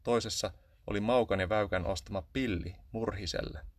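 A man narrating a children's Christmas story in a calm, even storytelling manner. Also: on the low side, no room sound.

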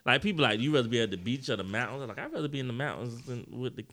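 A man's voice: mid-range voice, rapid-fire, a bit bright. A young man in casual chat, making dry, joking quips.

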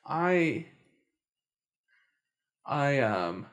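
A man's voice: medium pitch, sing-song, drawn-out words. A young man hosting a casual podcast chat, often hesitant and restarting his sentences. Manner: hesitant, many restarts and stammers. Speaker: podcast host.

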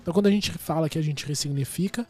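A man's voice: on the high side, racing, darkish tone, faint music behind. A man, a hypnotherapist guest, explaining his work in an explanatory way full of technical terms.

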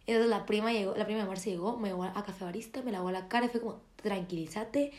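A woman's voice: mid-range voice, racing. Young woman telling a story. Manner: animated, acts out quoted dialogue. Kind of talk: casual storytelling chat.

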